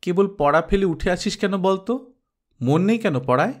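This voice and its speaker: A fond mother scolds her small daughter gently, her chiding full of warmth, voiced by a male audiobook reader. Her voice lifts higher than his narration and moves unhurriedly. This is a storybook character voice. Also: expressive, a little slow. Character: affectionate scolding mother, middle-aged woman.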